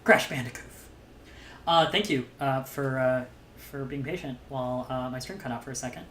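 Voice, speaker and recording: A man's voice: mid-range voice, normal speed, fairly bright tone, slight background noise. A man hosting a live game stream, chatting casually with an upbeat manner and lots of hesitant fillers. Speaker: streamer and host. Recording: roomy sound, music behind.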